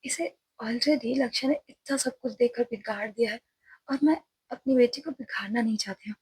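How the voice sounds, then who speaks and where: A woman voicing a protective young wife and mother in a storybook reading, speaking in a sharp, scolding way. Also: fairly high pitch, moderate pace, husky.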